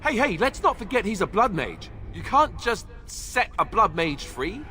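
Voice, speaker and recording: Alistair, a wry young warrior. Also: male voice, high-pitched, big pitch swings, normal speed, bright, forceful tone, soft background music, full character voice. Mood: arguing. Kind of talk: video game dialogue.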